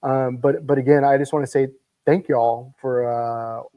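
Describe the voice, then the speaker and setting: A man's voice: medium pitch, fairly even intonation, normal speed, no room sound, muffled recording. A man co-hosting a local morning talk show, chatting easily and saying "y'all" and "um" a lot. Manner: easygoing, chatty, says y'all and um often. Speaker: co-host. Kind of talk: casual chat.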